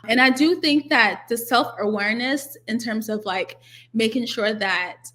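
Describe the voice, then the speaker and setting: A woman in her twenties, originally from Nigeria and raised in the US, is a doctoral student being interviewed as a guest. Her fairly high, fairly bright voice moves at an unhurried pace, and she answers thoughtfully, with fillers and restarts.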